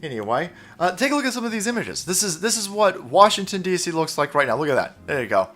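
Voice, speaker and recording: A man's voice: high-pitched, very animated, quick pace, fairly bright tone, soft background music. A man giving a casual, profane and sarcastic political rant while commenting on images. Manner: profane, sarcastic, frequent laughs.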